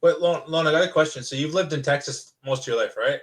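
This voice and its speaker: A man's voice: a little high, fast. A young man hosting a casual podcast chat, asking lots of questions, joking and laughing easily. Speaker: podcast host.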